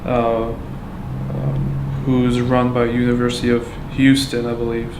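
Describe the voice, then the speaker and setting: A man from Afghanistan giving a candid account as a patient, halting and full of fillers and restarts. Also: mid-range voice, level tone. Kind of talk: candid personal testimony. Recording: echoey room with background noise.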